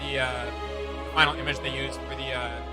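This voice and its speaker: Over background music, a man hosts a YouTube reaction video, commenting in loose, slangy language. His mid-range voice barely moves in pitch and keeps a normal speed.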